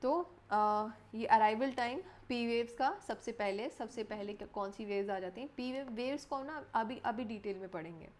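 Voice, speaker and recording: A woman's voice: on the high side, normal speed, few pauses. A young woman teaching an exam-prep lecture in a room at home. She explains step by step, asks questions and answers them herself, and repeats the key points, often correcting herself.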